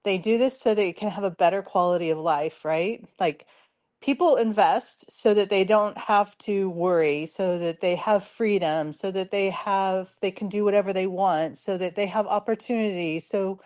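Hoarse, chatty woman talk show host. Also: mid-range voice, normal speed, a little mellow. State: hoarse, voice nearly gone from too much talking. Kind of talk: casual radio talk.

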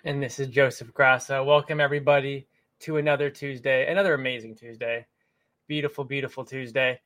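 A man's voice: mid-range voice, level tone, a little fast, a bit bright. A man co-hosting a casual radio show with upbeat banter, repeating phrases for emphasis. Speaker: talk show co-host.

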